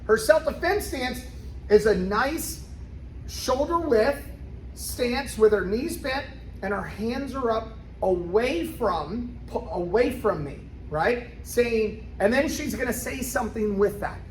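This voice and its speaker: A woman's voice: a little high, expressive, slow. A woman teaching a children's karate class, explaining each step and often checking in with an okay. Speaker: karate instructor. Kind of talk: instructional demonstration for a children's class. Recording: roomy echo, clear background noise.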